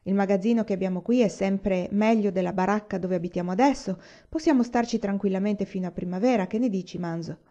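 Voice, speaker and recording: A man's voice: high voice, quick pace, hardly any pauses, dark tone. A woman reading a practical young pioneer. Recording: slightly dull lo-fi recording.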